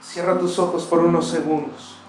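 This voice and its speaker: A man's voice: on the high side, little pitch movement, normal speed. A male pastor, possibly, closing a sermon by leading the congregation in prayer and fervent declarations from a church stage. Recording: echoey church hall with music. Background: soft guitar music.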